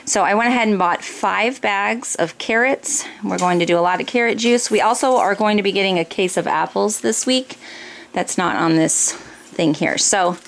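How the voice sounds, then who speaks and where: An American mother in her thirties, a family vlogger, casually narrates a grocery haul, explaining household items one at a time for a home vlog. Her mid-range voice moves at normal speed with some vocal fry. A nearby handheld camera picks her up indoors in a kitchen or dining room, and the home recording is noisy with room ambience.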